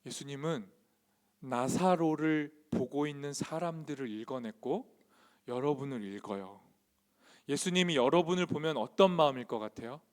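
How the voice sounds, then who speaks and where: A man's voice: mid-range voice, normal speed. A man preaching a sermon to a youth congregation, emphatic and full of rhetorical questions put to the listeners. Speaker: youth pastor.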